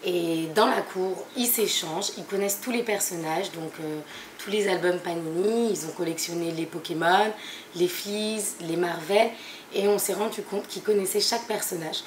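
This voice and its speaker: A young woman with a lower-than-usual voice explains a project in a steady way, with only light hesitations. The room is echoey, with faint ambience in the background. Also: normal speed, a little hiss or hum. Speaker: teacher. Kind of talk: spoken presentation.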